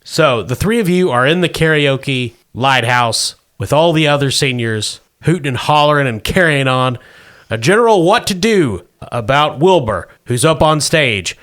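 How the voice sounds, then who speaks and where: A man's voice: mid-range voice, expressive, normal speed, fairly bright tone. A man hosting and narrating a comic tabletop game as game master.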